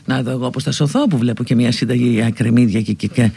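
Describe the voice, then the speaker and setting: A sick, feverish woman hosting a radio talk show, teaching and scolding emphatically with sharp swings in pitch. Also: steady tone, gravelly, breathy edge, no room sound. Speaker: radio host.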